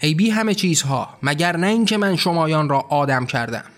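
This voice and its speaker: A raging, tyrannical god rants and roars threats at his court, as a man puts him on. The voice sits somewhat high, and soft music plays beneath it. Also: animated. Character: wrathful tyrannical male god ruler.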